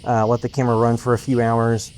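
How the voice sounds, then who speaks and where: In a rough recording, a man's darkish, medium-pitched voice comes out fast and completely flat. He's a vlogger exploring a park, narrating casually without a script in a hesitant, rambling, matter-of-fact way, with clear outdoor ambience and road noise behind him.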